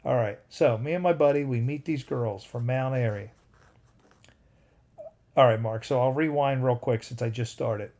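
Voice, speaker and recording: A man's voice: mid-range voice, normal speed, a little mellow. A man in his fifties hosting a home livestream, telling a rambling personal story and breaking off to greet chat viewers by name. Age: 50s. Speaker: livestream host.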